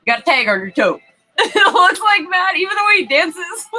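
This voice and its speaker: A woman's voice: extremely high pitch, big pitch swings, sharp tone. A woman co-hosting a livestream in casual chat, wry and teasing with her replies. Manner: wry, teasing, quick to laugh. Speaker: livestream co-host.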